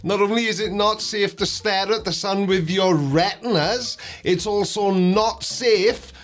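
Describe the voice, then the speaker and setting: Sarcastic, high-voiced man mocking over music. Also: a little slow. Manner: sarcastic, mocking, dry asides. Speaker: host of a debunking video. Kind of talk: scripted sarcastic debunk commentary.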